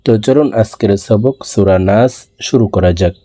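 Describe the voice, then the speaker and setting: A man teaching Quran recitation, spelling out syllables slowly and chanting verses high and drawn out. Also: mellow, slightly rough, no room sound. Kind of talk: slow spelled-out recitation lesson.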